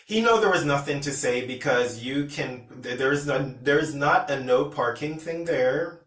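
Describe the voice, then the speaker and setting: A man's voice: medium pitch, unhurried, fairly bright tone. A man from Pennsylvania telling a personal story to camera in a casual, rambling way, with restarts and retold dialogue. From Pennsylvania, USA. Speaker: vlogger. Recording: roomy, distant from the mic.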